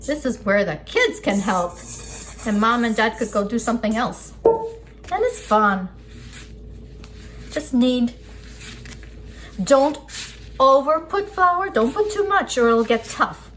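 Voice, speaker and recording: A woman's voice: fairly high pitch, very animated, slow pace, pauses often, a bit bright. A woman giving a casual cooking demonstration as an instructor, explaining each step as she works with her hands. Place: indoors at a work table. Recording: clear background noise, kitchen ambience.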